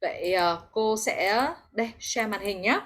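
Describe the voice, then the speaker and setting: A woman's voice: mid-range voice, measured pace, fairly bright tone. A woman English teacher with a Vietnamese accent, teaching an online class over a video call, explaining patiently and encouraging her students.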